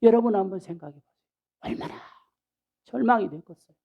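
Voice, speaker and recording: A male pastor giving a sermon, telling the story in an animated way, acting out the people in it and dropping into soft asides. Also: high voice, brisk, vocal fry, breathy edge, highs cut off.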